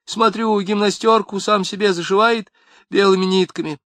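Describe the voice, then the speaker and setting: A plaintive young wife with speech, her voice pushed high and strained with grievance, as a male reader puts her on. The recording is close and dry. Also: fairly even intonation, normal speed, a bit bright, no echo. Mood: wistful. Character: young woman, tearful, quick-tempered, southern speech.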